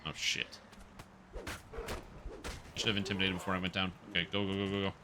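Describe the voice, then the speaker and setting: A man livestreaming a game on headset audio, chatting casually with viewers and reacting loudly to the gameplay. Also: low-pitched, little pitch movement, fairly quick, background noise. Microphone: livestream headset mic.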